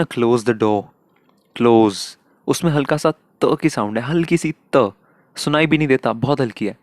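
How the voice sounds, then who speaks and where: A man teaching English pronunciation in a casual, explanatory lesson, repeating each word slowly to model it. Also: mid-range voice, dry recording, clean studio sound. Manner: slow, repeats words, models sounds.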